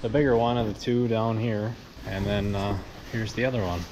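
A man's voice: lowish voice, fairly even intonation, moderate pace, background noise. A man co-hosting a farm video, chatting casually and mostly chiming in with short agreeing replies. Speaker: farm co-host. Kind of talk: casual chat.

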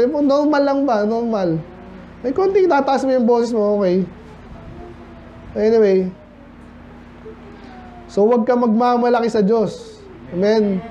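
The speaker is a Filipino man with a very high, mellow voice, preaching a midweek Bible study in a relaxed, chatty way. He slips English into Tagalog and keeps asking the congregation questions. Recorded in a church hall, the audio is dull, lo-fi and faintly noisy.

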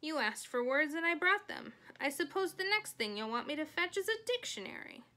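A woman's voice: sits high, big pitch swings, brisk, sharp tone, pitched above the performer's own voice, full character voice. A woman voicing a grumpy, greedy male barn rat in a storybook, complaining as he talks. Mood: grumbling.

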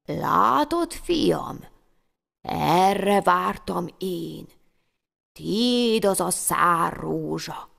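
A woman voicing a kindly, wise old woman in a storybook tale, speaking slowly in a hushed, half-whispered way. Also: fairly low pitch, lively intonation, vocal fry, exaggerated voice. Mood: gentle, knowing. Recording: long hall reverb.

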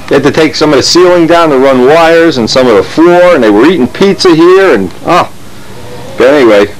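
Poor audio with a faint hiss or hum carries a man's mid-range voice as he hosts a model airplane channel. Rambling casually around his home workshop, he displays parts and keeps restarting his sentences.

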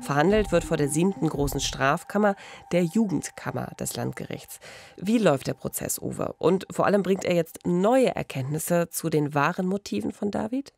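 A true-crime podcast host in her thirties chats conversationally into a pop-filtered studio mic, headphones on, in a small radio studio. Her voice is lowish, gravelly and darkish, and she sounds animated while speaking at a normal speed.

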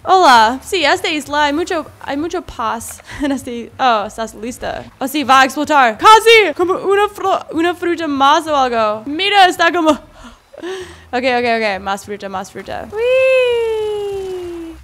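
Young woman, for relaxed gameplay commentary; high, animated delivery, talks to creatures, squeals when startled. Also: slow. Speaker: gaming video creator. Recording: faint background game music.

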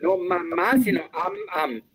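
Guy teaching german online, kinda high voice, patient, repeats stuff slow. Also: vocal fry, fairly bright tone. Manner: patient, drills pronunciation slowly. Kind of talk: online class instruction.

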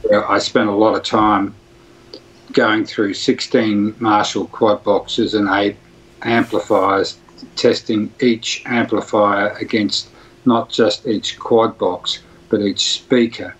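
A man's voice: on the low side, level tone, slow pace, a bit bright, husky. An older Australian man, a music producer, reminiscing in a rambling phone interview with many restarts. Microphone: phone line. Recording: dull lo-fi phone audio.

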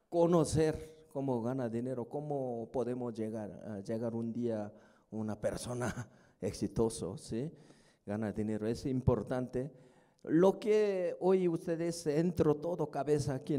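A man whose first language is Korean, presenting a seminar in non-native Spanish, joking with the audience, chuckling often and checking in with quick questions. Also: fairly high pitch, mellow. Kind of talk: live seminar talk to an audience. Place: hotel event hall.

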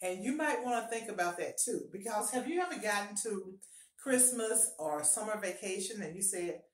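A personal finance vlogger, a middle-aged woman, speaks at a normal speed in an animated, medium-pitched voice. Her casual home vlog, filmed with a close fixed camera in a small echoey bathroom indoors, gives upbeat, encouraging budgeting advice, and she often repeats what matters most.

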